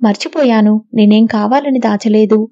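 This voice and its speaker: A woman's voice: on the high side, normal speed, dark tone, highs cut off, close to an everyday voice. A woman voicing Rajani, a curt and dismissive young husband, in an audiobook reading.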